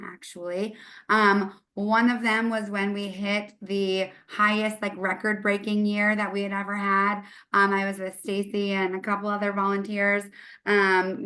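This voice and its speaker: Bright, flat-toned woman losing her voice. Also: medium pitch. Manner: rambling, many ums, self-correcting. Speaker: charity staff member. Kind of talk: casual self-introduction. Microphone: video call.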